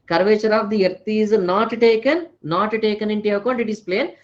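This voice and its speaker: High-pitched Indian man teaching, slightly dull audio. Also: moderate pace. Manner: repeats phrases, frequently tags questions with right and na; mixes Hindi words into English. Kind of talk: live online lecture with frequent check questions.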